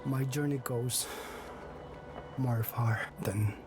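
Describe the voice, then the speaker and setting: A man plays a frail, dying man who speaks very slowly and faintly. His voice fades toward a whisper, and music plays behind. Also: mid-range voice, steady tone, lightly acted. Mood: serene. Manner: weak, slow, fading.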